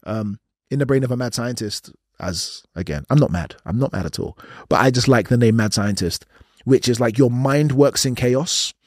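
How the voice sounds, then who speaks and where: A man's voice: mid-range voice, moderate pace, darkish tone, no echo, clean studio sound. A man hosting a casual solo podcast, rambling and self-deprecating, often laughing at himself. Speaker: podcast host.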